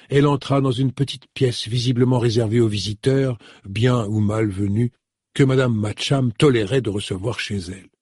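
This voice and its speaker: A man narrating an audiobook chapter in an expressive, storytelling manner. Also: medium pitch, slightly rough, no room sound, studio quality. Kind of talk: scripted narration.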